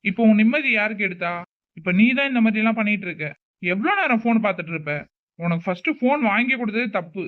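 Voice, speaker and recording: A man's voice: sits high, moderate pace, natural voice. A man playing a strict, protective older brother who scolds his sister with a raised voice. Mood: scolding. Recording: tinny phone-like recording.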